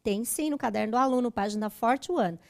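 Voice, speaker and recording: A woman teaching an online class. She explains briskly with tag questions and reads the English answers out slowly. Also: a little high, gravelly, a little mellow. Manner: slows right down to read English answers aloud.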